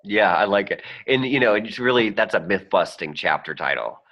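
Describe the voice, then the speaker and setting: A man with a low voice leads a casual group call over video, judging book chapter titles. His speech swings widely up and down in pitch. He sounds keen and decisive as he scores each title. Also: expressive, normal speed, a bit bright, dull audio. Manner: enthusiastic, scoring and pitching titles. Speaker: book coach leading a group review.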